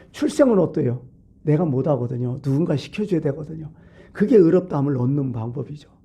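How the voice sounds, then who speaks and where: A man's voice: on the high side, mellow, slightly rough. A male pastor giving a midweek sermon in a church, talking to the congregation in a conversational way and asking them rhetorical questions. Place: church sanctuary.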